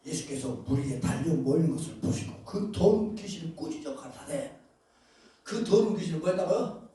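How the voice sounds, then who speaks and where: Animated high-voiced preacher in echoey hall. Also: male voice, brisk. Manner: emphatic, shifts between loud bursts and asides, questions the congregation. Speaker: pastor. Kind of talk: sermon. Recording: very echoey hall, voice far from mic.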